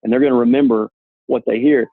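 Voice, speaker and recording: A man with a husky, gravelly voice talks earnestly and plainly as an insurance agent explaining how plans work. His voice comes through a thin, tinny phone line. The sound is dry, with no room around it. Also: mid-range voice, fairly even intonation, fast, no echo. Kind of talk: casual explanatory talk on a call.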